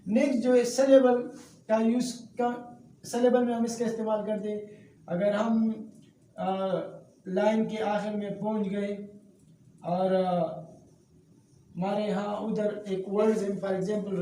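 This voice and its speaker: A male teacher explains a grammar lesson step by step in a fairly high, mellow voice, often checking in with his listeners by saying "okay." His mic is distant and the room echoes, with a faint hiss in the background. The session feels like a classroom lesson.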